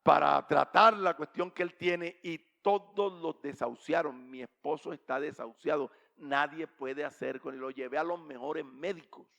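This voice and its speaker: A woman's voice: deep voice, normal speed, vocal fry, hardly any pauses. A man putting on a stubborn rich old lady. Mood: proud. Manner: firm refusals, rising to shouts.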